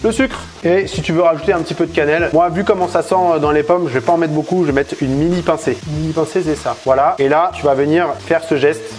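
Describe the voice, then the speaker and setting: Chatty playful guy doing a cooking video in his kitchen, slightly high voice. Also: fast, few pauses, darkish tone. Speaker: cooking vlogger. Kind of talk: casual cooking tutorial.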